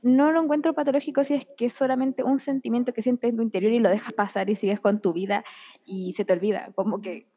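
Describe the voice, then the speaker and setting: A young woman with a Chilean accent and a high voice. She talks in a casual chat, hesitant and often searching for the right words. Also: steady tone, quick pace, warm tone.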